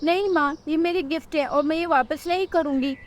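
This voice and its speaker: A woman voicing a sulky, demanding little girl bird in a cartoon, with a high childish whine. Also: a little fast, natural voice. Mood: pleading.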